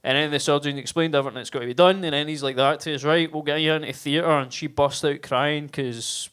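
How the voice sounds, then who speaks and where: Higher-voiced man doing stand-up. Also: steady tone, fast, a bit bright, clear, resonant tone. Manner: chatty, swearing, self-mocking asides. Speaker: stand-up comedian. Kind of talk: live stand-up set. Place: basement comedy club.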